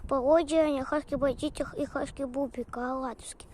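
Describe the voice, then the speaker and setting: A woman's voice: high-pitched, steady tone, brisk, warm tone, a little hiss or hum, lightly acted. A woman voicing a playful, chatty talking corgi puppy in a childlike, rambling and singsong way for an improvised pet vlog.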